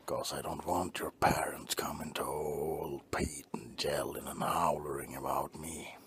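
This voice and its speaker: A man playing a salty old fisherman in a soft-spoken ASMR roleplay, telling sea tales to kids in a breathy, rambling half-whisper with folksy gruffness. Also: rumbling low, little pitch movement, measured pace, exaggerated voice. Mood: folksy, teasing.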